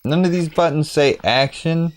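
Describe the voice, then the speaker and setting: A man's voice: fairly high pitch, moderate pace. A man giving casual, rambling commentary as he plays a video game, thinking aloud in a playful way. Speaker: gaming streamer.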